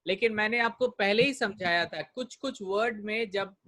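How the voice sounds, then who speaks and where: Indian English man as a pronunciation teacher, fairly high voice, syllable-by-syllable drilling. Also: pushed and bright. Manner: drills words slowly, mixing Hindi and English. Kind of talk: online spoken-English class.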